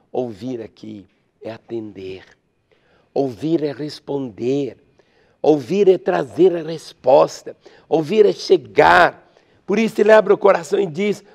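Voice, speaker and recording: A man preaching a radio sermon, swinging between loud fervent pleading and hushed, almost whispered lines. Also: fairly high pitch, vocal fry. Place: radio studio.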